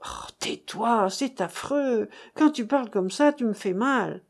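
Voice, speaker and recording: Woman reader doing a defeated fugitive man, plaintive and hushed, slow, a bit high. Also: lively intonation, gravelly, heavily acted. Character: hunted, frightened man, beaten down and pleading.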